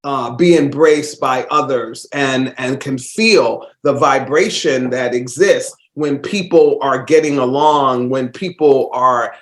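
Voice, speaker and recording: Speaking slowly yet with hardly any pauses, a mid-range male voice hosts a casual solo podcast while battling a cold that has him stuffed up. The sound is roomy, and his warm, rambling talk is thick with fillers and restarts.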